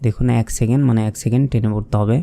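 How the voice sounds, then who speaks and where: A man's voice: lowish voice, fairly even intonation, rapid-fire, dark tone. A man teaching Quran reading step by step in Bengali-accented speech, patiently repeating each letter sound and explaining how to shape the tongue and throat. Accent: Bangladeshi Bengali. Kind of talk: step-by-step recitation lesson.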